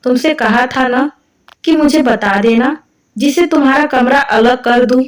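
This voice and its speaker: A woman's voice: high voice, unhurried, far from the mic. A woman voicing a strict, traditional middle-aged mother-in-law who scolds and insists. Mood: stern.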